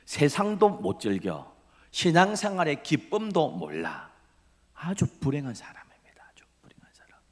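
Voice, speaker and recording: Busan-accented pastor preaching in a hall. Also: male voice, medium pitch. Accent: Gyeongsang (Busan) Korean. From Busan, South Korea. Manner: dramatic preaching, drops to breathy whispers, acts out quoted voices. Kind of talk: sermon. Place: church sanctuary. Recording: long reverb of a church hall.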